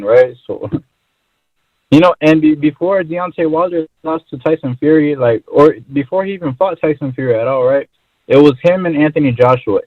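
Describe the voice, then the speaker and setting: A man's voice: on the high side, dry recording. Guy calling in on a bad choppy line, super thin phone sound, rambly and loose, bro this bro that. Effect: phone line with choppy, bad connection. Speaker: caller. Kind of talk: casual call-in chat. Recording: tinny, dry phone line.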